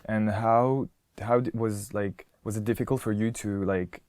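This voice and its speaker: Very deep-voiced eager fan interviewer. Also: male voice, fairly even intonation, measured pace, a little mellow. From Europe. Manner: enthusiastic fan, many "like" fillers. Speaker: interviewer host. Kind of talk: casual interview chat.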